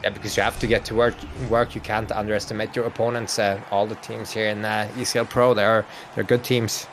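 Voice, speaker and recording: This voice sits on the low side, with a level, slightly bright tone and a fairly quick pace, plus a little hiss or hum. It belongs to a Swedish-born esports commentator, Swedish being his first language, calling an online hockey match in English play by play. He chats with viewers, laughs frequently and reads out their chat.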